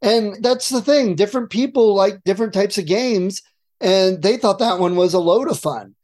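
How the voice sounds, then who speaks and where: A man co-hosting a casual talk show, telling an animated story and laughing often. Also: high-pitched, moderate pace. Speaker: podcast co-host.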